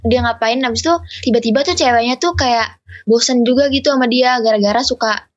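A woman's voice: a little high, a little fast, lo-fi sound. A young woman, a podcast guest telling a story casually and acting out what people said. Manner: chatty, recounts with quoted dialogue.

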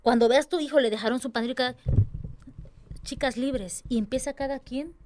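A woman's voice: sits high, moderate pace, noisy background. A young adult woman, earnestly explaining her tambourine dance ministry in a casual church talk. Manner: earnest, expressive, mimics others' voices.

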